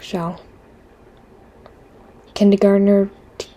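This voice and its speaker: In a mid-range voice and at a slow pace, a woman vlogger sketches as she drifts through a casual story. It's full of filler words and self-interruptions, with wry deadpan asides along the way.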